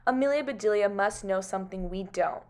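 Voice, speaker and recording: A woman reading the lines of a calm, easygoing young father in a storybook. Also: mid-range voice, brisk, natural voice. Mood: mild.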